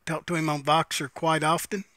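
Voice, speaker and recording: A man's voice: a little high, flat delivery, normal speed, pushed and bright, no echo. A man giving a casual, unscripted, folksy review, musing and repeating phrases as he smokes a pipe between them. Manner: talks while smoking a pipe between phrases.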